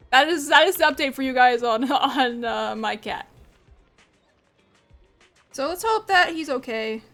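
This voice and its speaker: High-voiced chatty woman streamer. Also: lively intonation, a little slow, pauses often, a bit bright, soft background music. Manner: rambling, chatty, laughs often. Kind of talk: casual live-stream chat while gaming.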